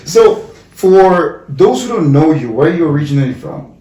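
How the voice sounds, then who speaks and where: A man's voice: fairly high pitch, big pitch swings, moderate pace, dark tone. A man from Cameroon hosting a podcast, enthusiastic and affirming, often answering with "yeah". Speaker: podcast host. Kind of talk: casual podcast interview. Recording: roomy, distant mic.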